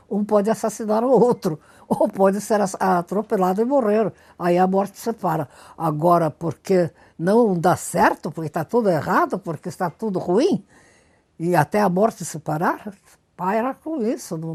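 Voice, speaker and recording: An older woman being interviewed, telling lively anecdotes and repeating words for emphasis. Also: medium pitch, normal speed, breathy edge. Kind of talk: storytelling interview.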